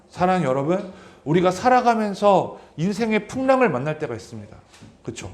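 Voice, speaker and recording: A male pastor with a slightly raised voice delivers a Sunday sermon. He reads scripture and speaks earnestly to his congregation, often repeating key phrases. His words ring out through a roomy church with a noticeable echo. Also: a little high. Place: church sanctuary.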